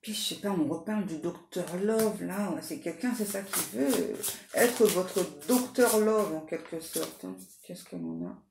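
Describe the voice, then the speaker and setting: A woman's voice: on the low side, very animated, measured pace, gravelly, roomy sound, noisy background. A woman doing a casual tarot card reading, talking in a chatty way full of fillers and restarts.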